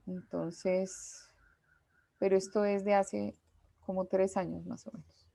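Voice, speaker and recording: A woman teacher, giving a class lecture patiently and slowly, with many pauses and fillers. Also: medium pitch, little pitch movement, gravelly, mellow, dry recording.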